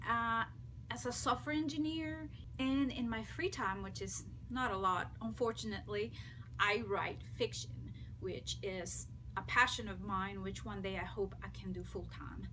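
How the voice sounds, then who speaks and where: A woman in her thirties from Honduras, a native Spanish speaker with a Honduran Spanish accent, talking to camera as an author in a friendly, unhurried way with many ums and uhs. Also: a little high, a bit bright, slight background noise, low-quality recording. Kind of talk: casual talk to camera.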